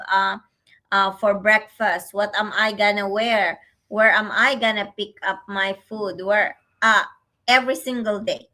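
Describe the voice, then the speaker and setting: With a medium-pitched, sharp-toned voice, an older grandmother from the Philippines works as an online business mentor and co-host on a casual livestream. She laughs frequently and tends to repeat phrases.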